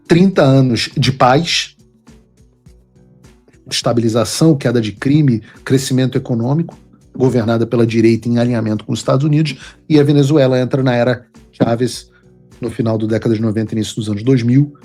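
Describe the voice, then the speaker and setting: A man's voice: mid-range voice, a little fast, a little mellow, soft background music. A man hosting a political commentary show, talking in an emphatic, lecturing way.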